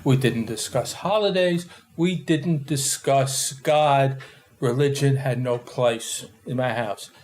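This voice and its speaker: A man in his sixties with a New York accent, a guest in an interview telling stories about growing up, in a halting way with many fillers. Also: mid-range voice, darkish tone. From Austria. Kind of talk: casual storytelling interview.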